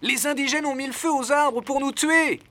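A high, eager young servant. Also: male voice, lively intonation, moderate pace, pushed and bright. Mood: excited. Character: loyal devoted young male servant, cheerful. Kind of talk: storybook reading.

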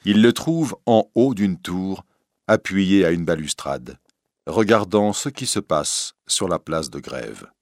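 A man's voice: low voice, animated, slow, a little mellow, dry recording, studio quality. A man narrating a classic story aloud in a dramatic reading style.

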